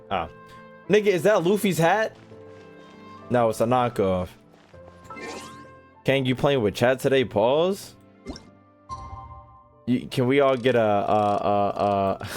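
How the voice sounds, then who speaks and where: With video game music and dialogue in the background, an American streamer jokes and swears his way through casual livestream commentary in loose slang. His voice sits at medium pitch with a darkish tone.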